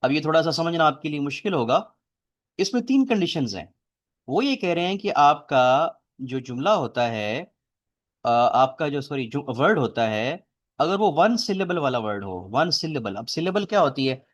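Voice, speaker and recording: A man's voice: fairly high pitch, very animated, moderate pace, muffled recording. A man lecturing a classroom, explaining things step by step and quizzing his students. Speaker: teacher.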